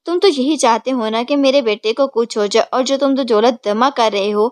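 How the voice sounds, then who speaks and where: A woman's voice: a little high, a little mellow, no echo, studio quality, lightly acted. A woman voicing a fierce, doting older mother who scolds her husband in an angry tone. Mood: scolding.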